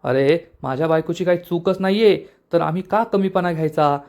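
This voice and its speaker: A man's voice: fairly high pitch, fairly quick, darkish tone, close to an everyday voice. A man voicing a hot-headed young husband who angrily defends his wife, in a TV serial recap. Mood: protesting. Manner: angry, protesting.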